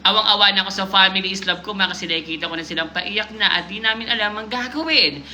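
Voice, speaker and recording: Female stream host, bright and sharp, casual storytelling with running jokes, faint background noise. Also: medium pitch, fast. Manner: reads a submitted story aloud, breaking off to laugh and joke. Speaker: livestream host reading viewer stories.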